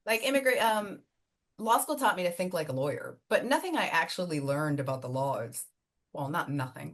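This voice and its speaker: Low-voiced chatty woman, Spanish first language. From Miami, United States. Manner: chatty and animated, frequent fillers and laughs. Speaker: immigration attorney and law firm founder. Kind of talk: conversational interview answers.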